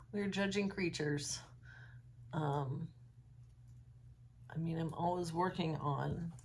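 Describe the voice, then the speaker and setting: This young woman's voice is low, gravelly, and a bit froggy, with a little hiss or hum behind it. A vlogger, she's alone in a room at home giving an unscripted, reflective talk to her phone camera. She comes across as thoughtful and unsure, filling gaps with ums and likes.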